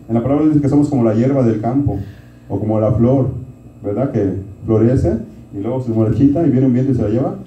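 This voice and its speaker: A middle-aged male pastor preaching in a quick, conversational way, often checking in with his listeners. His voice is very dark and mellow. It sounds distant and roomy, with a dull, lo-fi quality. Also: mid-range voice. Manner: conversational preaching, keeps asking "¿verdad?" and addressing "hermanos". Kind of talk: sermon.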